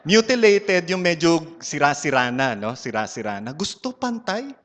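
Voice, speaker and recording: A man's voice: on the high side, big pitch swings, normal speed, fairly bright tone, slight background noise. Filipino guy telling a funny church story, switching languages, teasing the crowd, big echoey hall. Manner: playful storyteller, mixing Tagalog and English and teasing the audience. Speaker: speaker at a church community gathering. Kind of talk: humorous testimony talk. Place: large hall before a live audience. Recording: long hall reverb.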